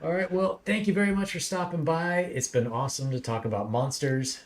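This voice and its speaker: A man's voice: on the high side, fairly quick. A man hosting a casual livestream interview, chatting loosely and plugging upcoming shows. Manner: relaxed, chatty, plugs upcoming streams. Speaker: host.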